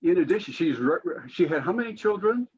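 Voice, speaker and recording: A man moderating a conversation and asking gentle, probing questions. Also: sits high, expressive, fast, husky, dull audio. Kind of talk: interview questions.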